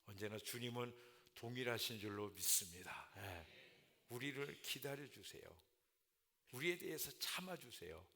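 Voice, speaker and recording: Forceful Korean church pastor preaching. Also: male voice, medium pitch, expressive, normal speed. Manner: earnest, punctuates with frequent affirmations. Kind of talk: sermon. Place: church sanctuary.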